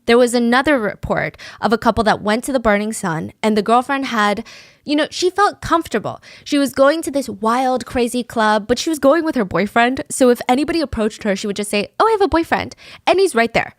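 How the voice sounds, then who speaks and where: A woman narrates a true crime case in a relaxed, chatty way, with a voice that sits somewhat high. She shifts into little character voices whenever she quotes someone. The sound is close and dry. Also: a little fast, no room sound. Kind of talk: casual true crime storytelling.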